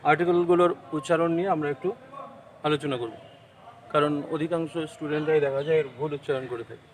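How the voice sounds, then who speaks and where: A man with a Bengali accent teaching an English poem in an online class, explaining slowly and switching between English and Bengali. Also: fairly high pitch, steady tone, slight background noise, poor audio. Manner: slow, deliberate explaining, mixing English with Bengali.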